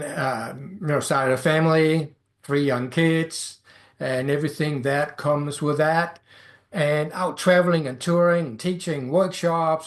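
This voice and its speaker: Hosting his own podcast as a life coach, this middle-aged man from Denmark speaks English as a second language with a noticeable Danish accent and a fairly high pitch. His delivery is hesitant and thoughtful, full of restarts and "um"s and "uh"s filling the gaps.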